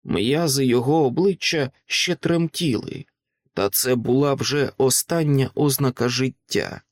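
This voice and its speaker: A man narrating an audiobook in a dramatic, expressive reading style on a close microphone. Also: mid-range voice, a little slow. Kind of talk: scripted literary narration.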